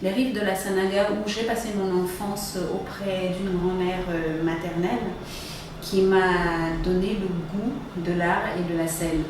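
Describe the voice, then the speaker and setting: A woman from Cameroon gives measured, explanatory interview answers about organizing events. She is recorded from a distance in a very echoey room. A faint hiss sits behind her voice. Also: lowish voice, steady tone. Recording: echoey room, far from mic, faint noise.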